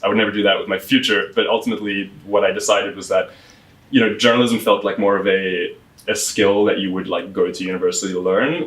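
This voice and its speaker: A young man from South Africa, a guest telling his story in a casual interview, chatty and full of fillers, recorded on a lapel mic in a bright room by a window. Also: fairly low pitch. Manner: chatty storyteller, many likes and fillers, laughs often. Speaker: guest, PR firm founder. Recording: roomy echo, mic at a distance.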